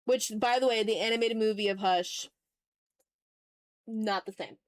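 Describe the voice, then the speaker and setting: This woman's voice sits on the high side, and she speaks unhurriedly in a dry recording. Drawing as she goes, she chats casually on her art livestream, reading viewer comments, wandering off topic, swearing occasionally, and being self-deprecating.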